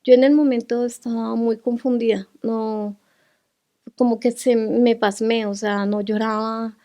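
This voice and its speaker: A middle-aged woman giving emotional personal testimony as a guest, speaking haltingly with restarts. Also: a little high, little pitch movement, mellow. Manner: halting, with restarts and fillers while recounting. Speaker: guest, grieving mother.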